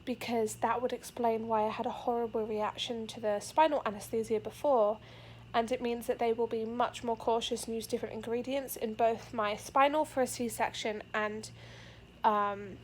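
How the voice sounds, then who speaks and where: Speaking to a camera pointed at her, a young pregnant vlogger gives an earnest, rambling update full of fillers, sounding a little out of breath. Her voice is fairly high and steady, at a moderate pace. There's a bit of hiss or hum in the audio.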